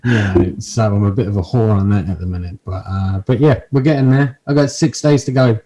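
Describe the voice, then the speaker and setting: Mellow, low-voiced man joking dryly. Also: fairly quick. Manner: self-deprecating, dry joking, sweary. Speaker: podcast host. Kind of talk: casual comic chat.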